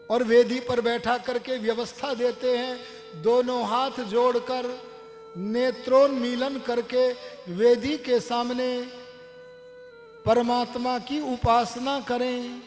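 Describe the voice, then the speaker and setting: A man's voice: very high voice, level tone, slow, in a large hall, soft background music. A male preacher telling a story in a sermon, acting out the dialogue and putting questions to his audience. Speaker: Arya Samaj preacher. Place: large hall at a ceremony.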